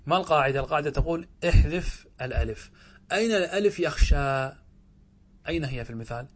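A man's voice: on the high side, lively intonation. Male Arabic grammar teacher, questioning students. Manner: asks students questions and answers them, slows down to quote text. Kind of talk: grammar lesson.

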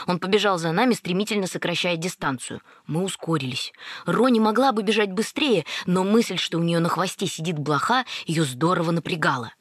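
Woman narrator, lower voice, lively wry storytelling, dry close mic. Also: breathy edge, no echo. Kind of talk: first-person story narration.

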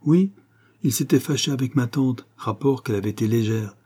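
A man's voice: mid-range voice, brisk, dark tone, slightly rough, lightly acted. A man playing a crafty young swindler, asking brief, severe questions. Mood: stern. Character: crafty young male swindler, curt and stern.

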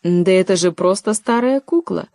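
A woman's voice: mid-range voice, expressive, moderate pace, mellow, no room sound, clean studio sound, close to an everyday voice. A woman voicing a spoiled, boastful little girl who talks in a haughty, dismissive way.

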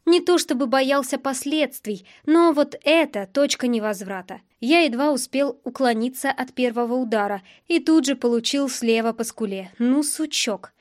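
A woman's voice: sits high, moderate pace, hardly any pauses. Woman narrating a novel. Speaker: audiobook narrator. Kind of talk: first-person novel narration.

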